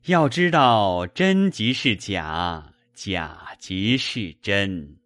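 A man voicing an elderly Taoist hermit, speaking in slow, measured riddles. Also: on the low side, expressive, fairly bright tone, no echo, full character voice. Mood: serene. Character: elderly male Taoist hermit, serene and cryptic.

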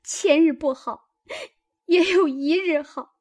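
A woman voicing a sharp-tongued young noblewoman of a great house, domineering and scornful in a dramatized novel reading. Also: sits high. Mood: aggrieved, tearful. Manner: domineering, scornful and quick to scold.

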